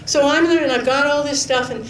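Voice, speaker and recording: A middle-aged woman preaching to her congregation, with a fairly high voice. She talks in an earnest, chatty way, laughing often and sinking to a hush for emphasis. The sound carries the echo of a roomy church hall, with a faint rumble underneath. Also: brisk. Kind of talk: sermon with personal testimony.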